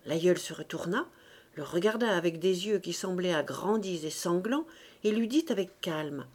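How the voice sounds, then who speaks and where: A woman narrating a classic novel as an audiobook, in a measured, dramatic reading with hushed passages. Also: fairly low pitch, animated.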